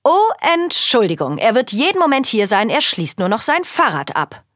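A woman's voice: a little high, big pitch swings, normal speed, a bit bright, no echo, clean studio sound, voice pushed up. A woman voicing a cheesy male talent show host with a showy announcer delivery.

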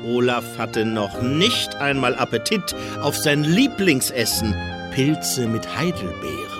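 A narrator reading a children's story aloud in a slow, expressive storytelling manner. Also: medium pitch, loud music behind the voice.

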